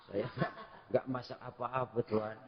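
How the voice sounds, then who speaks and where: A man acting out a poor mother whose soft, weary voice pleads with a stranger. His delivery is a little low for her part and carries a long echo across a large hall. The recording itself sounds dull and lo-fi. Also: moderate pace, lightly acted. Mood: pleading.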